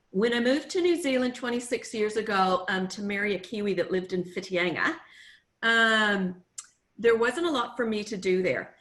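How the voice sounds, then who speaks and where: A middle-aged Californian woman with an American accent presents a marketing workshop over a video call in the style of a casual webinar. Her voice is medium in pitch and fairly bright, and she is chatty and upbeat, laughing often.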